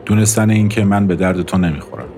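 A man reading the part of a cool, sardonic young woman who runs card games, speaking dryly and quietly mocking, over faint music. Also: deep voice, lightly acted. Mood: dry, matter-of-fact. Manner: dry, quietly mocking, matter-of-fact.

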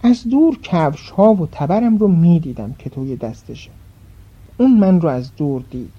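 A woman storyteller in a dramatic, expressive scripted narration, on a dull lo-fi recording. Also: low voice, slightly rough.

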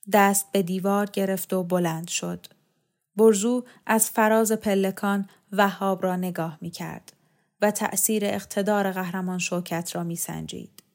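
Woman, calm measured story narration, mid pitch. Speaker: story reader. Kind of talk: scripted narration.

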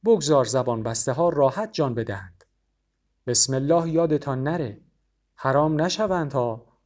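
A man doing a calm, fatherly old grandfather. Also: medium pitch, lightly acted. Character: elderly grandfather, gentle patriarch of the house.

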